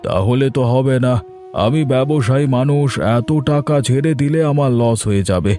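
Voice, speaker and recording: A man's voice: medium pitch, moderate pace, warm tone, soft background music, natural voice. A man voicing a greedy village moneylender in a cartoon, demanding his money back sternly.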